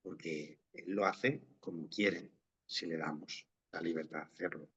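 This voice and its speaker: A man's voice: low voice, fairly even intonation, a little slow, creaky, bright, forceful tone, husky, highs cut off. A priest, a man with an accent from Spain, giving an informal, explanatory religious talk and often checking in with short question tags.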